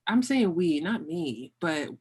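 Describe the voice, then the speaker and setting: A woman with a slightly low-pitched voice hosts an interview. She speaks conversationally and emphatically, stressing points by repeating them. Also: big pitch swings, slow, darkish tone, slightly rough. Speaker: podcast host, interviewer.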